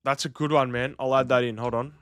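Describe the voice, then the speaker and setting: A man's voice: mid-range voice, steady tone, fast talker, fairly bright tone, clear, resonant tone, dry recording, studio quality. A man casually chatting on a live stream while commentating a football match and reading out his list of vintage jersey clubs. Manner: chatty, loose, reacting to chat and soundboard clips.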